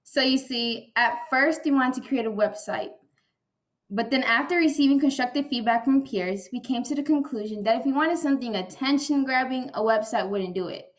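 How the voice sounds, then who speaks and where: High-voiced teenage girl giving a startup pitch. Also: normal speed. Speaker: student presenter in a pitch competition. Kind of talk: rehearsed startup pitch presentation.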